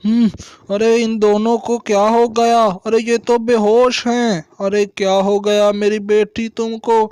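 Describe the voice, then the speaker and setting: A man's voice: high-pitched, flat delivery, measured pace, darkish tone, clean tone, no room sound. A man playing a worried village father in a doll story, exclaiming often.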